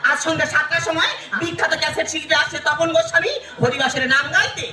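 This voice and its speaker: A woman playing an exasperated village wife in a broad stage comedy, scolding in a shrill, melodramatic way. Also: fast, a crowd in the background, lightly acted. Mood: nagging. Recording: echoey stage PA, distant, loud music.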